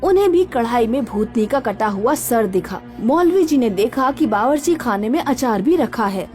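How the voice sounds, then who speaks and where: A woman telling a scripted horror story in a lively, expressive way. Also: on the high side, normal speed, soft background music.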